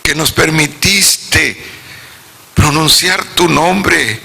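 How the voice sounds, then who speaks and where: A man with a northern Mexican accent leading a closing prayer and benediction in church, measured and prayerful. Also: fairly high pitch, vocal fry, sharp tone, husky. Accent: northern Mexican Spanish. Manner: slow, measured praying. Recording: church service with music behind.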